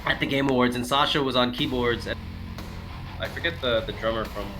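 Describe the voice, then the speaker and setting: A man's voice: mid-range voice, brisk, music in the background. A man giving loose, profane developer commentary on a game stream. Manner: loose and profane, lots of fillers. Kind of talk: casual dev commentary chat.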